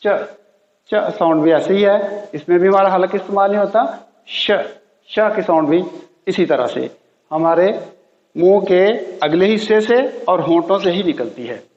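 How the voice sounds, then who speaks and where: A man teaching English pronunciation, speaking slowly and repeating each word several times. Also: sits high. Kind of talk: slow classroom pronunciation lesson. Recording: echoey, dull lo-fi room sound.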